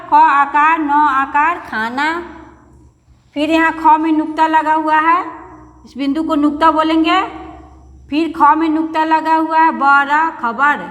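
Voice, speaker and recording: A woman Hindi teacher with a Bihari accent, slowly and patiently explaining a lesson to young children. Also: high voice, a bit bright. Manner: patient, slow explaining, calls pupils "beta". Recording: long hall reverb.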